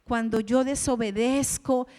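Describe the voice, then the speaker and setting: A woman in her thirties or forties preaching a sermon in a church, reading scripture slowly and asking her listeners questions. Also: on the high side, steady tone, darkish tone, big-room sound. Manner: slow, emphatic Bible reading with rhetorical questions.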